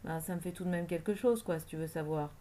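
A woman's voice: lowish voice, quick pace, warm tone, natural voice. A woman reading the lines of a hesitant young male gang member who hedges and mumbles. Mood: uneasy.

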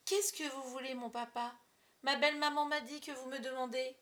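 A woman voicing a little girl actress who plays a daughter on stage, with high, loud, theatrical cries, in a storybook reading. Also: fairly even intonation, moderate pace. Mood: pleading.

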